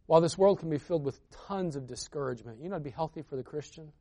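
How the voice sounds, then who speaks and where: Man preaching, high-pitched voice, quiet asides rising to loud emphasis, scripture readings. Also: rapid-fire. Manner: swings from quiet, intimate lines to loud, emphatic builds; reads scripture aloud between conversational asides. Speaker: guest preacher. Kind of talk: sermon.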